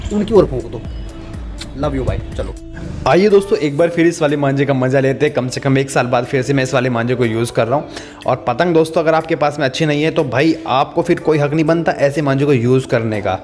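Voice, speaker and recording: Fast-talking young man on a rooftop. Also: on the high side. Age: young adult. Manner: chatty, keeps saying "friends" and "okay?". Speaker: kite-flying vlogger. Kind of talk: casual demo and live commentary. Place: open rooftop outdoors.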